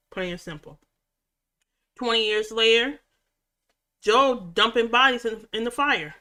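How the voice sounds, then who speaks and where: A woman's voice: medium pitch, pushed and bright. A woman chatting casually at home as a reaction vlogger, rambling with restarts as she recaps a show. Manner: rambling, frequent restarts and fillers.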